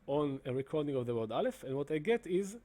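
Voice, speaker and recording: A man with a mellow, slightly high, sing-song voice demonstrates software in a screen-recorded explanation. His delivery is halting, with lots of fillers and restarts.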